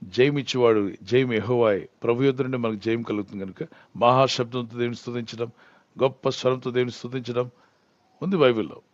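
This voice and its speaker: A man's voice: medium pitch, fairly even intonation, brisk, no room sound, muffled recording. A man speaking as a pastor in a Bible question-and-answer talk, earnest and often putting questions to the listener before answering them. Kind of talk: Bible Q&A teaching.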